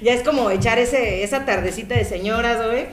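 A woman's voice: fairly high pitch, fairly quick. A Mexican woman in her thirties, a podcast co-host telling funny stories in a laughing, slangy casual chat. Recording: roomy, faint music behind.

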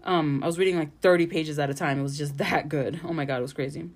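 A woman's voice: low-pitched, steady tone, fast talker. Chatty, foul-mouthed woman podcaster. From Puerto Rican family. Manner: chatty, frank, swears freely. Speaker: podcast host. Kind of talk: casual solo podcast monologue. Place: bedroom vanity at home.

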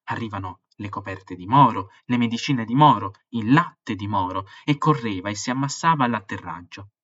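A man hosting a history podcast, reading a book passage in a measured, dramatic way with rhythmic lists. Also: lowish voice, fairly bright tone, slightly rough, lo-fi sound. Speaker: podcast host.

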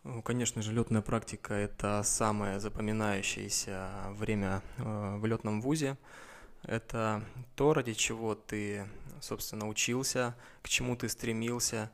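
A man in his twenties, an airline pilot, answering interview questions in a measured, explanatory way with pauses. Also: on the low side, steady tone. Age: 20s. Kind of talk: interview answers about career.

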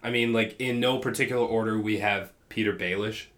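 A man's voice: lowish voice, fairly even intonation, brisk, a bit bright. A man in a casual podcast chat, enthusiastic and full of fillers.

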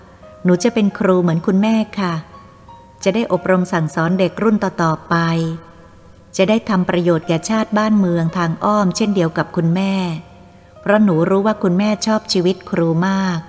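This is a gentle, devoted teenage daughter from an audiobook tale, read by a woman. She speaks sweetly and softly, with a tender, tearful manner. The voice trails into a long reverb with faint music beneath. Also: on the low side, steady tone, moderate pace, natural voice. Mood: happy. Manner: sweet, soft-spoken, tearful.

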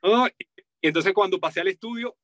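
A Venezuelan-accented man, a voice-over artist, chats animatedly in a casual interview, acting out the voices he quotes with big jumps in pitch. His delivery is brisk, and the recording is dry with the highs cut off.

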